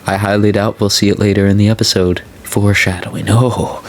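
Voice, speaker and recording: A man's voice: fairly low pitch, flat delivery, a little fast, a little hiss or hum. A man giving casual video game commentary, talking a little carefully with a sore mouth after having a wisdom tooth out. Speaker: video game let's player. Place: indoor voice-over recording.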